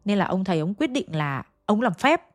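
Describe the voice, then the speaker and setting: A woman's voice: medium pitch, sing-song, brisk, no room sound. A woman narrating a ghost story in a chatty way, talking straight to her listeners. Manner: chatty, addresses listeners directly.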